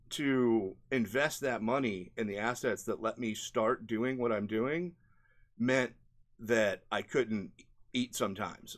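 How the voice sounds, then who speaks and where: In a fairly low voice, a man narrates a casual screen-share vlog about his work as an indie game developer. He rambles conversationally and keeps checking in with "right?" and "you know."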